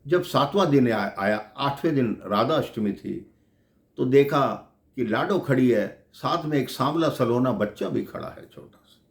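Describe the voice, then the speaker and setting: A man's voice: medium pitch, lively intonation, unhurried, vocal fry. A man telling a devotional story, addressing listeners affectionately as brothers and sisters. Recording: echoey room.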